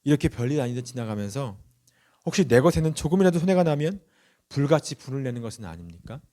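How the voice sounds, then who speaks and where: Male pastor, earnest Sunday sermon delivery with storytelling and a pitch that swings up and down. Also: fast talker. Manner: earnest preaching with anecdotes and questions to the congregation; lively rising and falling pitch.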